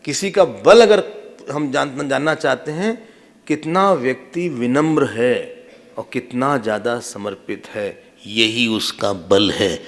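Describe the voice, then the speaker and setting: A man who is a swami, giving a devotional sermon and telling sacred stories in a lively, humorous way, acting out the quotes. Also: medium pitch, slow pace. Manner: animated, humorous, acts out quotes. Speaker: swami, spiritual teacher.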